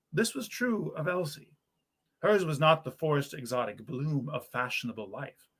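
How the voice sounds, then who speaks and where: Set in a period parlor in a historic house, a man with a slightly high voice reads old-fashioned literary fiction aloud. He performs it theatrically and genteelly, with the expressive style of an actor telling a period tale.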